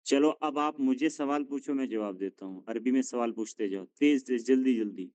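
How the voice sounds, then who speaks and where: A man teaching an Arabic lesson, drilling students with questions, patient and encouraging as he corrects them gently. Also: medium pitch, moderate pace, dry recording.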